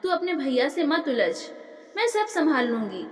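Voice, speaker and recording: A woman voicing a timid, gentle young village wife who speaks meekly. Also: high voice, very animated, normal speed. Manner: meek, soft-spoken. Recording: roomy echo with long reverb.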